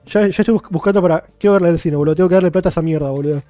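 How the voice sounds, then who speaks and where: A young man with a Rioplatense accent, co-hosting a casual podcast chat, excitable and slangy. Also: high-pitched, racing, no echo, faint music behind. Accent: Rioplatense Spanish. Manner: excitable, slangy, eager reactions. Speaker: podcast co-host.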